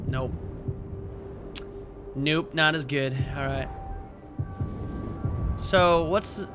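A man's voice: a little high, extremely slow. A man in his twenties giving casual, slangy, sweary let's play commentary. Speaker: gaming video host. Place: indoor room, seated at desk. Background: game music and sounds.

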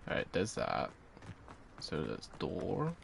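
Deep gravelly man over loud game music. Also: huge pitch swings, takes it slowly, slight background noise. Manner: playful, muttering to himself. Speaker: streamer. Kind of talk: live gameplay commentary.

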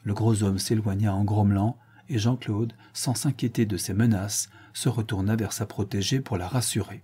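A man narrates a classic literary audiobook with a husky, dark voice. He reads expressively and raises his pitch for quoted characters. The delivery stays steady and story-focused. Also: normal speed. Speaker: audiobook reader.

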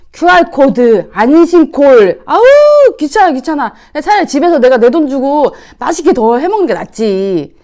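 A woman's voice: medium pitch, warm tone. A woman hosting an eating show, chatting casually to viewers with playful, self-teasing asides. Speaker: mukbang host.

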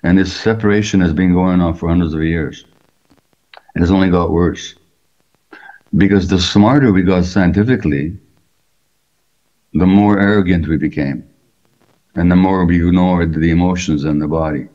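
An older man with a very low, mellow voice explains his ideas slowly and deliberately, now and then posing rhetorical questions. He speaks from a room at home over a video call, and the sound is dull and lo-fi. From Hungary. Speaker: physician and author. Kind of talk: reflective interview answers over video call. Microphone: video call webcam.

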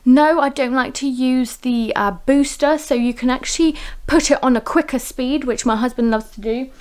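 A woman in her thirties talks to a camera held at arm's length in her living room. Her voice sits a little high, and she rambles in a loose, chatty way with plenty of ums and likes. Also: moderate pace, a little mellow. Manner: chatty, rambling with many fillers. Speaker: home vlogger. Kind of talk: casual chat to camera. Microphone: handheld camera at arm's length.

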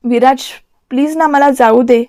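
A tearful young wife in a spoken love story, soft and pleading as she evades, voiced by a woman reader. High, mellow tone, close and dry. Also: fairly even intonation, measured pace, no room sound. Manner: pleading, evasive.

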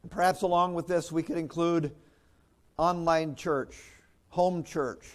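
A man's voice: on the high side, steady tone, measured pace. A man preaching a sermon as pastor, in a conversational way with chuckles and restarts.

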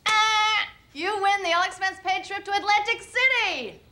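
A wry divorced teacher. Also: female voice, very high-pitched, moderate pace, sharp tone, faint music behind. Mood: playful. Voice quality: dry, teasing delivery. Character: wry, quick-witted divorced woman teacher. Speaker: lead character, teacher and single mother. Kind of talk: TV film acting.

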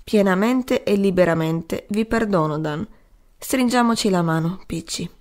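A woman's voice: medium pitch, unhurried, darkish tone, natural voice. A woman voicing a proud, doomed man king who speaks with dignified command. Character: proud doomed male king facing death.

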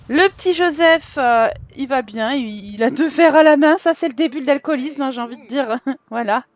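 A woman's voice: high voice, a little slow, long pauses. A young woman chatting casually over her gameplay, talking to her characters and giggling often. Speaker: gameplay YouTuber. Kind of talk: casual let's play commentary.

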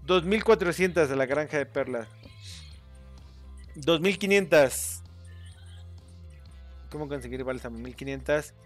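Rambling man, high voice. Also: a little slow, pauses often, soft background music. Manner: rambling, corrects viewers' spelling, chuckles often. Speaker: YouTube gamer and channel host. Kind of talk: casual screen-recording tutorial.

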